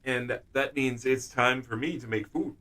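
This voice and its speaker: Playful man streaming a game, bright voice. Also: mid-range voice, measured pace. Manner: playful, jokey, talks to chat. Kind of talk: casual gameplay commentary.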